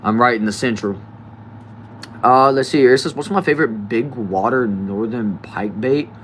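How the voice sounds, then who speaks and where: A nineteen-year-old man reading viewer comments aloud in a relaxed, chatty live stream, often trailing off quietly. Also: medium pitch, moderate pace, slight background noise. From United States. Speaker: livestreamer.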